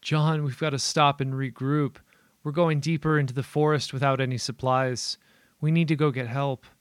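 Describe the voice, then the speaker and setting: A man playing a panicked young hiker who yells frantic warnings in a horror story reading. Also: medium pitch, fairly even intonation, normal speed, dry recording, studio quality, voice pushed up, lightly acted. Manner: frantic, yelling.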